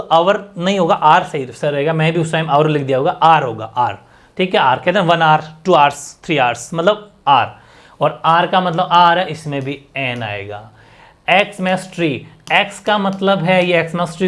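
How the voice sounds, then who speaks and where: Male coaching-class teacher, a bit high-pitched, repeats himself and drills students with questions. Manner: explains by repeating and quizzing students. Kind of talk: exam-prep class lecture.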